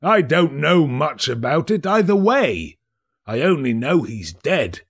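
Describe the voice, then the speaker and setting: A man's voice: fairly high pitch, sing-song, measured pace, slightly rough, pitched above the performer's own voice, exaggerated voice. A man voicing a great fat businessman, callous, bored and jocular, in a storybook reading. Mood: bored, indifferent.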